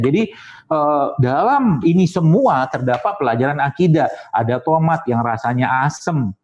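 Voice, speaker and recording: A man gives a religious health talk to an audience. He speaks in a fairly high voice, chatty and joking, with little sound effects and asides. The recording sounds dull and lo-fi. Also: a little mellow. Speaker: preacher and doctor giving a health talk.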